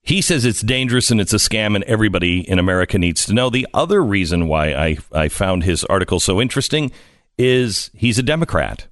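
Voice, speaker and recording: A male talk radio host introducing and questioning a guest in a conversational way, pausing with fillers. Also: lowish voice, animated, fairly bright tone, dry recording, clean studio sound. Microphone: studio mic.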